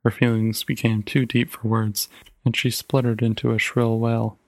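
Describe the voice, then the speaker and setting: A man narrates a short story in a steady, even storytelling voice. His pitch sits in the middle range, neither high nor low. The recording is dry and close, with no room sound. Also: normal speed, creaky, no room sound. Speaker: podcast narrator. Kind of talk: audiobook reading of a short story.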